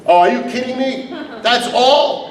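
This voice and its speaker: A man's voice: very high voice, measured pace. A man presenting a workshop to teachers, theatrical and sarcastic, firing rhetorical questions at his audience. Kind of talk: animated seminar talk to an audience. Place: large room before an audience. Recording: echoey hall, distant mic, background noise.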